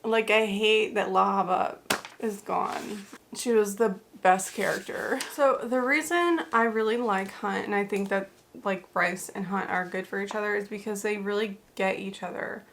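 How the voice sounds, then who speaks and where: A woman with an ordinary mid-range voice talks casually about a novel to her viewers. She rambles quickly and scatters filler words as she goes. She gushes about parts she loved and speaks candidly about parts she disliked. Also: mid-range voice, gravelly, fairly bright tone, a little hiss or hum. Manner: chatty, rambling, gushing. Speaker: book reviewer. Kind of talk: casual book review chat.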